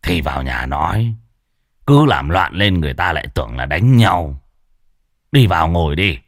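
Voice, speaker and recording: A man voicing a grumpy old village sorcerer who talks in a gruff, grumbling, irritable way in a storybook tale. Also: deep voice, big pitch swings, normal speed, dry recording, clean studio sound, exaggerated voice.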